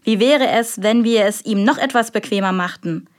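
A woman's voice: a little high, normal speed, close to an everyday voice. A woman reading an audiobook, voicing a stern, irritable male magistrate with biting sarcasm. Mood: sarcastic. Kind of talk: audiobook character voice.

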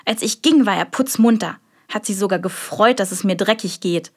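A woman's voice: medium pitch, normal speed, breathy edge. A woman reading an audiobook, voicing a defensive merchant in his thirties who speaks in a velvety, haughty manner. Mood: agitated. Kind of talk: audiobook character voice.

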